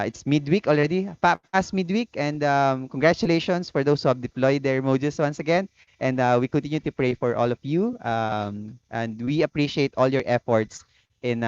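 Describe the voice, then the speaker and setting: A man's voice: medium pitch, smooth, dry recording, highs cut off. Filipino man hosting, mixing Tagalog and English. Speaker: webinar host. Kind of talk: casual webinar hosting.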